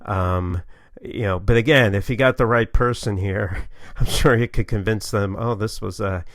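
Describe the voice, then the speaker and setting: Low-voiced man lecturing casually. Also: normal speed, dry recording. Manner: relaxed, rambling, many fillers. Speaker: university lecturer.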